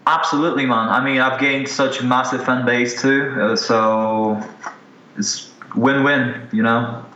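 A man's voice: mid-range voice, fairly even intonation, unhurried, bright, forceful tone, slight background noise. A man in his twenties from Ukraine, a musician talking candidly and casually in an interview, swearing now and then. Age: 20s. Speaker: guest musician. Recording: dull, roomy recording.

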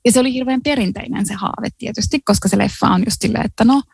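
Creaky-voiced woman, chatty podcast host. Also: a little high, no echo. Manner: chatty and musing, with many fillers and laughs. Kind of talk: casual chat about books.

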